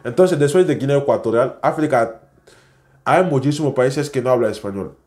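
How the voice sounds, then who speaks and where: Young man, speech; animated casual vlogger. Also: medium pitch, moderate pace. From West Africa. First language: French. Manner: animated, chatty, non-native Spanish with tag questions. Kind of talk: casual storytelling to camera.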